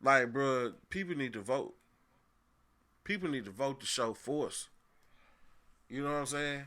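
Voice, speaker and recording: A man's voice: medium pitch, lively intonation, unhurried, bright, forceful tone. A man co-hosting a podcast in casual chat, talking emphatically and laughing often. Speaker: podcast co-host.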